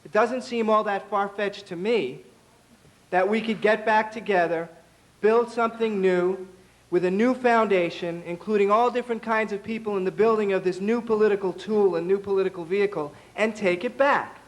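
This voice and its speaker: At an event, a high-pitched, hoarse man who serves as a party official delivers a political speech. He stumbles through ums at first, then builds toward a rousing call, and the recording sounds rough.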